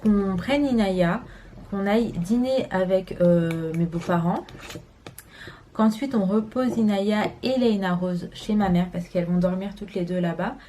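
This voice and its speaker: A woman's voice: mid-range voice, measured pace, dark tone, a little hiss or hum. A woman in her twenties from France, chatting casually to camera at home, rambling with many fillers. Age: 20s. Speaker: vlogger. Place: home, indoors.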